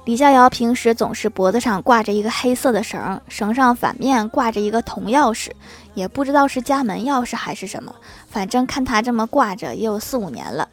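Woman comedy podcast host, kinda high voice, teasing jokey delivery. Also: lively intonation, soft background music. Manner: playful, teasing, quick punchlines. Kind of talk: scripted comedic storytelling.

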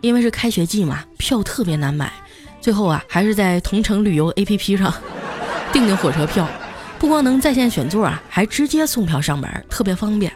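A woman's voice: mid-range voice, lively intonation, fairly quick, over music. A woman host telling comic anecdotes in a chatty, scripted way. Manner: chatty, punchline-driven delivery. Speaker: comedy storyteller host. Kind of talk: scripted comedic storytelling.

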